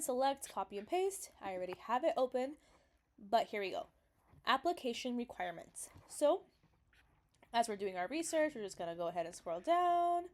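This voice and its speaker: A young woman with a somewhat high voice walks viewers through a website tutorial in a relaxed, chatty way. She sounds sniffly and run down from a recent cold, and she keeps stopping for fillers as she scrolls. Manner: chatty, hesitant, lots of fillers. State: recovering from illness, sniffly. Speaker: vlogger explaining law school admissions. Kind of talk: casual screen-recorded tutorial.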